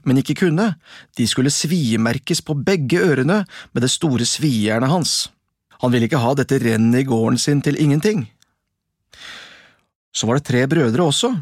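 Lively storyteller reading a folk tale. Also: mid-range voice, no echo, studio quality. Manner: lively, expressive telling.

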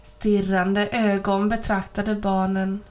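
A woman narrating a children's storybook, reading steadily and clearly. Her pitch sits in a middle range for a woman. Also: level tone, a little mellow. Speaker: reader.

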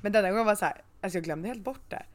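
A young woman from Sweden co-hosting a podcast in casual chat, telling stories and acting out the dialogue. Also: medium pitch. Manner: animated storyteller, acts out dialogue. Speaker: podcast co-host.

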